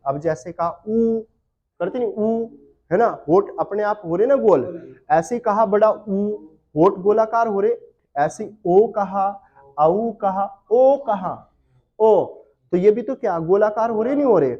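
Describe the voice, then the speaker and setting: Male tutor, fairly high voice, quizzes the class and answers himself, muffled lo-fi recording. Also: mellow. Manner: asks students questions and answers them himself, repeats key terms slowly. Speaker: Hindi grammar teacher. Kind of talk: exam-prep class lecture. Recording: dull lo-fi sound.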